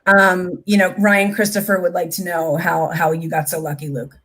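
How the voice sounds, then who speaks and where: A woman's voice: fairly low pitch, flat delivery, normal speed, a bit bright. A woman hosts a live-streamed interview from her own setup on a video call. She talks with enthusiasm and keeps affirming her guests as she moves the chat along. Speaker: host.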